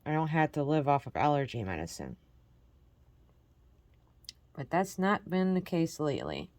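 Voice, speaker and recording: A Michigan woman who hosts a crafting channel talks her way through a casual tutorial, chatty and encouraging as she works. Her lowish, darkish voice has a sing-song lilt and sounds a bit congested from allergies, at a normal speed. The recording is dry and close-miked.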